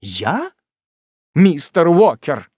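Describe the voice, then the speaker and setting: A man's voice: a little high, big pitch swings, drawn-out words, darkish tone, slightly rough, dry recording, voice pushed up, full character voice. A sly, tearful male servant, as a man reading aloud puts him on, gushing with fake delight and innocence in a raised, whiny voice that rises and falls a lot. The storybook reading sounds dry and close. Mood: fawning.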